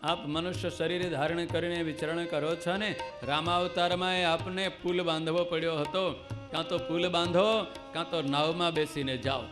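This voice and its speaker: A man's voice: a little high, steady tone, moderate pace, natural voice. A man voicing a personified ocean as a humble male spirit who speaks reverently, pleading with folded hands. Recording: clear devotional music with tabla behind.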